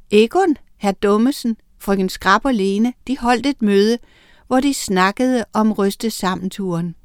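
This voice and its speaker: A woman reading a children's story aloud in a lively, expressive way. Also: on the high side, smooth, no echo, clean studio sound.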